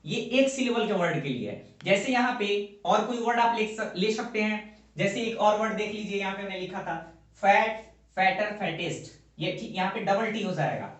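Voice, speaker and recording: A man's voice: high-pitched, expressive, normal speed, far from the mic. A male teacher explaining a grammar lesson at a board, going step by step and often checking that students follow. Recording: very echoey room, voice from off-mic.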